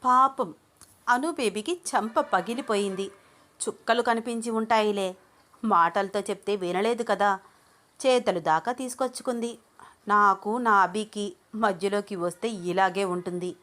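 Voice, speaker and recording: A woman's voice: mid-range voice, a little slow, fairly bright tone, close to an everyday voice. A woman voicing Shweta, a scheming young woman who talks smugly about her plan. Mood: gloating. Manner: smug, gloating.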